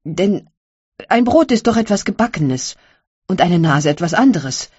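Casting: woman doing a puzzled fretful barber, low and slow, breathy, dull lo-fi audiobook sound. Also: lively intonation, darkish tone, no echo. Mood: bewildered. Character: bewildered timid male barber. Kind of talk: audiobook reading.

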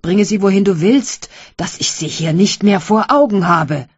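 Casting: woman doing a furious nagging wife, loud and high, husky edge, dull lo-fi audiobook sound. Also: lively intonation, normal speed, no echo. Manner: loud, berating, shouting insults. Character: shrill scolding wife of a barber. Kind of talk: audiobook reading.

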